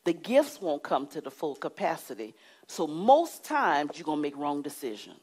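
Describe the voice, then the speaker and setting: A middle-aged woman preaching a sermon, animated and emphatic, with dramatic pauses and sudden hushed asides. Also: sits low, breathy edge. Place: church studio with curtain backdrop.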